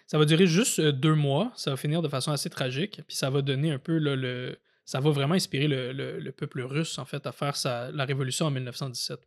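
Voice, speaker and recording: A man with a Québécois French accent, co-hosting a casual podcast and explaining political history, often pausing on fillers and restarts as he thinks aloud. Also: mid-range voice, fairly even intonation, creaky. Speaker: podcast co-host. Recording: audio-only podcast.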